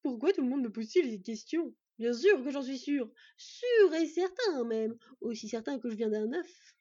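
A woman's voice: high voice, lively intonation, normal speed, dark tone, no echo, dull audio. A woman voicing a simple-minded male raven who talks insistently and repeats himself. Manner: insistent and repetitive.

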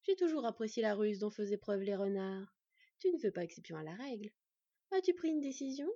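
A woman's voice: mid-range voice, big pitch swings, a little fast, no echo, muffled recording. A woman doing a silky, honeyed male thief. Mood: silky mocking. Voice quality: smooth, silky, purring. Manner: mocking, falsely gentle.

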